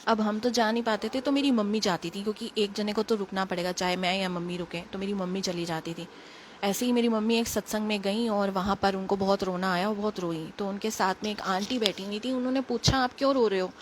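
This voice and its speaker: A woman with a Delhi accent telling an emotional personal story in quick, earnest casual speech, recorded on a phone. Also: medium pitch, steady tone, slight background noise. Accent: Delhi Hindi. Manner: earnest, emotional, quick retelling with quoted dialogue. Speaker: devotee sharing a testimony.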